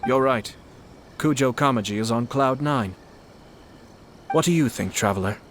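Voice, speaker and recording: A man playing a composed, shrewd noble lord in a video game, with a formal, measured and courteous manner. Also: mid-range voice, fairly bright tone, slight background noise, lightly acted. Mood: thoughtful. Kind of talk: video game dialogue acting. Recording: faint background music under the voice.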